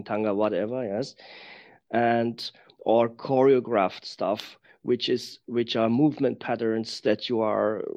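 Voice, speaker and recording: A man who is not a native English speaker, talking reflectively as an interview guest in careful, halting English, searching for words. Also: mid-range voice, gravelly, a little mellow. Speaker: interview guest, professional dancer. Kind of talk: reflective conversation. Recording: dull lo-fi sound.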